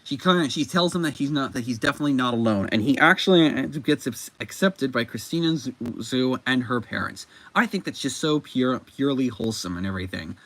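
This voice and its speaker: A man's voice: medium pitch, expressive, fairly quick, hardly any pauses, a bit bright. A man giving casual commentary as a comic book reviewer, rambling with frequent fillers and self-corrections.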